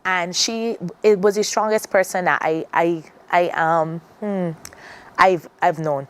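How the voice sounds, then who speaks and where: Slow and smooth, a fairly low-pitched woman from Barbados speaks with fairly even intonation in her Barbadian accent during a morning TV interview. She's thoughtful and sincere, often breaking off to begin sentences anew.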